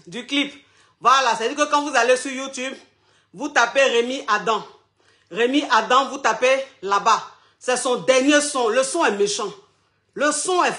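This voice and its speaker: Very high-voiced, breathless man. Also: expressive, normal speed, sharp tone. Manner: flamboyant, teasing, laughs often, calls viewers "my loves". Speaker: online show host. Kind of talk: playful live chat with viewers.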